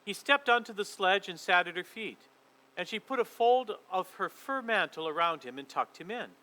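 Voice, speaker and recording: A man leading a children's church session and reading a storybook aloud in a lively, expressive way. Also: high-pitched, normal speed, low-quality recording.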